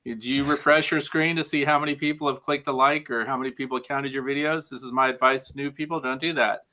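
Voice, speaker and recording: A man chatting as a guest on a livestream video call, giving advice with deadpan dry humor. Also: medium pitch, quick pace. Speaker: guest beekeeping video maker. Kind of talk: casual livestream chat.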